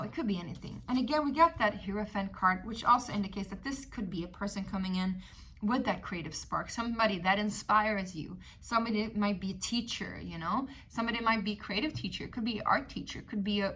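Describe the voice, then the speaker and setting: In a medium-pitched, fairly bright voice, a tarot reader who grew up speaking Swedish, and keeps its accent, chats her way casually through a reading. She rambles, fills pauses with lots of fillers, and laughs often.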